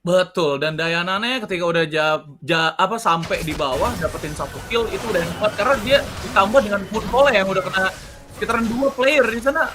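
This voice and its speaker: A man with an Indonesian accent commentating an esports match like an excited game announcer, slangy and mixing in English gaming terms. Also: high voice, fairly quick, over music. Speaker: esports commentator, play-by-play caster.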